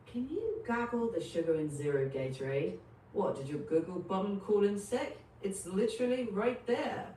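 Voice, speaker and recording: A woman's voice: medium pitch, sing-song, moderate pace, warm tone, slight background noise. A synthetic female assistant voice, played from a device, voicing a snarky, sarcastic AI character with over-the-top mocking delivery. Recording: roomy, distant device playback.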